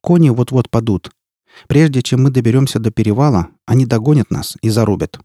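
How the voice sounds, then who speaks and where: A man's voice: medium pitch, fairly quick, mellow, no echo, studio quality, lightly acted. A man voicing a hardened woman mercenary captain, commanding and curt in a storybook reading. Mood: grim resolve.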